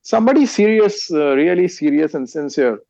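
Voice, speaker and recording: Creaky and dark yet lively in intonation, this slightly high male voice belongs to an Indian guest, an author and meditation teacher who speaks Hindi and has an Indian accent. He answers interview questions haltingly, with frequent restarts and fillers, in an echo-free recording whose highs are cut off.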